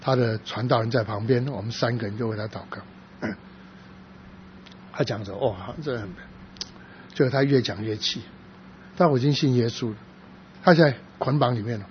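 Male pastor, sermon storytelling, halting delivery with restarts, mid pitch, dull lo-fi recording with faint hiss. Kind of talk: sermon testimony.

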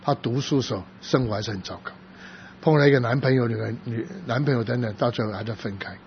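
A man preaches a sermon, recounting a prayer session in a soft, halting voice that keeps restarting its phrases. His pitch sits in the ordinary middle range. The recording is dull and lo-fi, with a faint hiss underneath. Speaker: pastor. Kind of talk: sermon testimony.

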